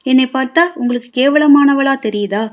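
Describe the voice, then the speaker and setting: A woman's voice: sits high, normal speed, a little mellow, pitched above the performer's own voice, natural voice. A woman voicing a clingy young mistress who pleads through sobs. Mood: tearful pleading. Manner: pleading, sobbing, needy. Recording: dull lo-fi recording.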